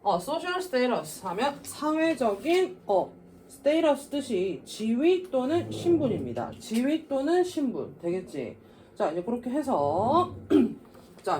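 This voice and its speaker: Lively woman teacher, heard from a distance. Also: fairly high pitch. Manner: animated, asks and answers her own questions, keeps saying "자". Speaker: English teacher. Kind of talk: classroom lecture explaining a reading passage. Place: classroom. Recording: distant mic with faint noise.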